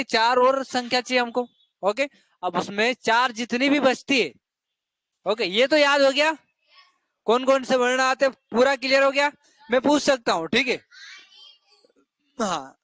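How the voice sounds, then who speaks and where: A man's voice: very high-pitched, pushed and bright, no echo. A male teacher giving a classroom lesson to children, asking questions and drilling the answers over and over.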